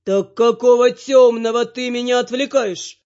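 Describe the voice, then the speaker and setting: A weary emperor, voiced by a woman reading the story, grumbles slowly and impatiently. The storybook recording is slightly dull and muffled. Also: medium pitch, mellow, natural voice. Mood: irritable. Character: weary, irritable male emperor.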